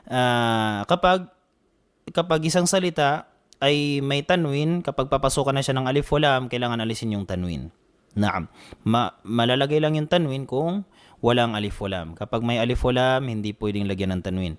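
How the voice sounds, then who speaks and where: A man teaching an online Arabic grammar lesson. He is patient, repeats his points often, keeps checking in with students, and slows down to say each Arabic phrase clearly. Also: mid-range voice, animated.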